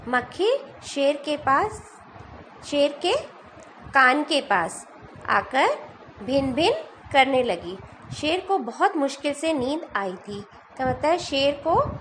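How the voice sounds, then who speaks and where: A woman's voice: sits high, a bit bright, a little hiss or hum. A woman teacher telling a story to young children, repeating each line in simpler words. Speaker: schoolteacher.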